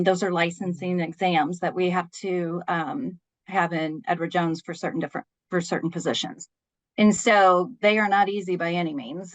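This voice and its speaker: A woman in her fifties, a podcast guest, telling a personal story in an earnest, expressive way, laughing between lines. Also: fairly low pitch, no room sound, poor audio.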